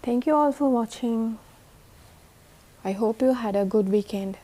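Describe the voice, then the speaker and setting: A woman's voice: fairly high pitch, unhurried, mellow. A woman with a tired voice, patiently explaining plant propagation step by step as host of a gardening tutorial. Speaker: host of a plant-growing channel.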